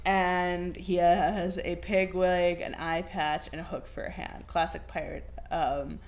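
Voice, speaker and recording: A woman co-hosting a casual comedy podcast, teasing her co-host and telling a joke in a dry, deadpan way. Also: fairly low pitch, slow pace.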